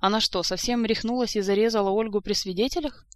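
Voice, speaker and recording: A woman's voice: mid-range voice, steady tone, quick pace, natural voice. A woman reading the lines of a sensible, kind young court lady who speaks earnestly.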